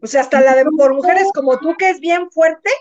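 Mexican lady host dishing gossip, high pitch, swears a lot, acts out what people said. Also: moderate pace. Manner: animated storyteller, acts out quotes, swears casually. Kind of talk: casual gossip chat. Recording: slightly dull, lo-fi sound.

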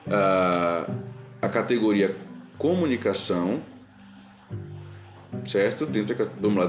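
A man's voice: medium pitch, echoey room. A man teaching an online lecture in a patient, reassuring manner and answering students' questions.

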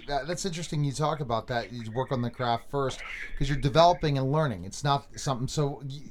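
A man's voice: fairly high pitch, a little hiss or hum. A man hosting an interview, eager and often jumping in with questions. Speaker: host.

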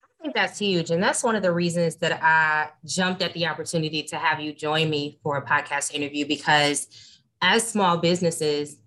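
A woman's voice: deep voice, normal speed, a bit bright. A woman hosting a podcast interview, chatty and upbeat, piling up long lists as she talks. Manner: upbeat, chatty, list-making. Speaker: podcast host.

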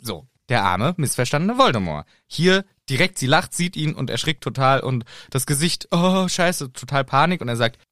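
Playful man, lively dry delivery. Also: medium pitch, normal speed, hardly any pauses, no room sound. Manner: playful, retells scenes, giggly. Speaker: podcast co-host. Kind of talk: casual book discussion podcast.

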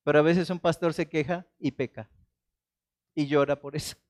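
A man from Mexico, a pastor preaching a sermon in church, swinging between loud emphasis and soft, hushed quotations. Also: fairly high pitch, fairly even intonation, normal speed. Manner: dramatic, shifts between loud emphasis and soft quoted asides.

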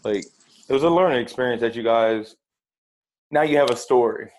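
A man's voice: mid-range voice, normal speed, a little mellow, low-quality recording. A man co-hosting a casual podcast, speaking in an encouraging, affirming way. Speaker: podcast co-host.

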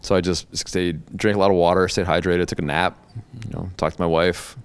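A man's voice: low-pitched, level tone, a little fast, clean tone, dry recording. A middle-aged man talking casually as a podcast guest, blunt and joking, swearing now and then. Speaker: guest, hair educator.

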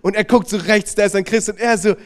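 Emphatic, fairly high-voiced male preacher. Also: fairly even intonation, quick pace. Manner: emphatic, swings from loud to hushed; conversational asides to the audience. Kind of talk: sermon with retold anecdote.

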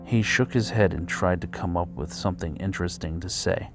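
A man narrating a story in a steady, even reading voice, over faint background music. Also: deep voice, a little fast.

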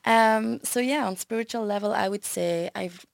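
Creaky-voiced woman in her thirties. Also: medium pitch, normal speed, dry recording, studio quality. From Belgium. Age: 30s. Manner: friendly, laughs often, loose with many fillers. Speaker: podcast guest, yoga teacher. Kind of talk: casual interview chat.

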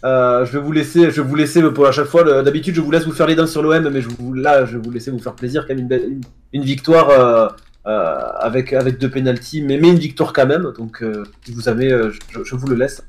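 A man's voice: medium pitch, fast talker. A man with a Southern French accent in a casual football chat, hesitant and restarting his sentences. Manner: hesitant, many restarts, laughs easily. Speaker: co-host of a football show.

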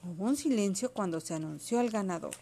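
A woman reads a children's picture book aloud at home to a child. Her delivery is patient and expressive, in a mid-range voice. She narrates at an easy storytelling pace. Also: mid-range voice, a little fast, creaky.

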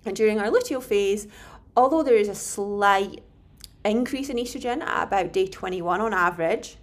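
A woman hosts a podcast, explaining things casually at a medium pitch. She is frank and pokes fun at herself. The recording has a slight room echo, as from a home setup. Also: normal speed. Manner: frank, self-deprecating. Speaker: podcast host and nutritionist.

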